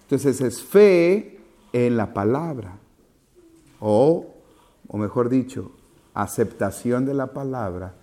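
A man's voice: medium pitch, lively intonation, slow, long pauses, warm tone. A man teaching a Bible class to children, asking patient questions and calling on pupils by name. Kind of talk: interactive Bible lesson with children.

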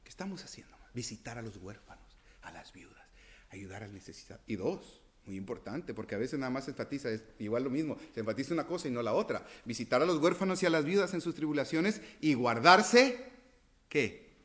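Man preaching, loud then hushed. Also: medium pitch, lively intonation, brisk. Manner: preaches with rhetorical questions, swinging from loud to hushed. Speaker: pastor. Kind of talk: sermon.

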